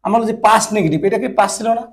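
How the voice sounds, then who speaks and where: A man with a fairly high, light voice teaches a grammar lesson. He repeats each rule several times and keeps checking that his listeners follow. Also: racing. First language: Bengali. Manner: repetitive, checks understanding often. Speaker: Japanese language teacher. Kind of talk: classroom-style grammar lesson.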